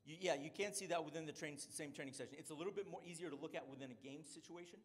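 Speaking at a racing pace in a slightly high voice, the middle-aged man gives a conference talk on strength and conditioning, where he coaches. Frequent "right?" check-ins run through his explanations.

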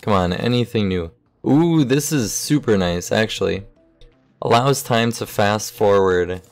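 A young man giving relaxed, casual commentary over his game, thinking aloud as he sorts items, with the hiccups. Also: fairly low pitch, a little slow, soft background music. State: has the hiccups. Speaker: gaming YouTuber.

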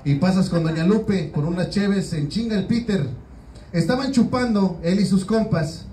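Crude Mexican stand-up comic, echoey room. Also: male voice, high voice, moderate pace, warm tone, far from the mic. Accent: Mexican Spanish. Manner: crude, slangy storytelling, frequent "güey". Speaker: stand-up comedian. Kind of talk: stand-up routine. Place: small open-mic venue. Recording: roomy, from off-mic with faint room noise.

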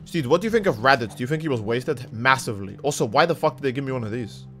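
Excitable swearing streamer guy. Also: medium pitch, quick pace, faint music behind. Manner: rambling, swearing, reacting loudly to the game. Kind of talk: casual gaming stream chat.

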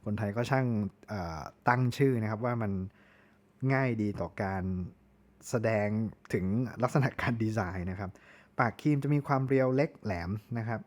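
A man's voice: medium pitch, normal speed. A Thai man giving a chatty tool review, often correcting himself and spelling words out. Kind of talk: casual product review.

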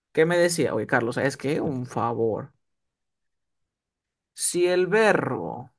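A man teaching English one-on-one over a video call, often checking that his student is following. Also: a little high. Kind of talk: one-on-one online tutoring.

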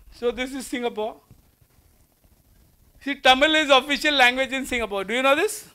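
A guest lecturer with an Indian English accent addresses a large auditorium full of seated students through a lapel mic, his voice unusually high and bright. He walks the stage gesturing and keeps the talk conversational, firing rhetorical questions at the students.

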